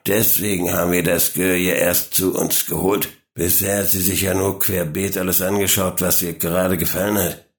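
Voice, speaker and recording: A man's voice: deep voice, level tone, normal speed, creaky, hardly any pauses. A man voicing a drunk, lazy adoptive father in an audiobook, slurring and indifferent. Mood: drunk, bored. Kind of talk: audiobook character voice.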